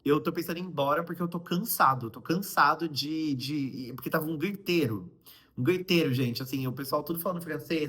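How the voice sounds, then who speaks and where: A chatty young Brazilian man talking to his vlog viewers in a Brazilian Portuguese accent. His voice sits a little higher than most men's. He wanders through fillers and little asides as he tells his news. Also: fairly bright tone. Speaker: vlogger. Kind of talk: casual vlog chat.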